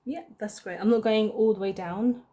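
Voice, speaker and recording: A woman's voice: mid-range voice, steady tone, moderate pace, mellow. A young woman chatting casually as she applies her makeup, thinking aloud and correcting herself as she goes. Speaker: beauty vlogger. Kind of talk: casual makeup tutorial chat.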